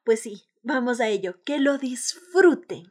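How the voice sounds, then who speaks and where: Presentadora animada de voz aguda. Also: female voice, fairly high pitch, unhurried. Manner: lively, exclamatory. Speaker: radio theatre presenter and narrator. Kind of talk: playful radio show intro and scripted narration.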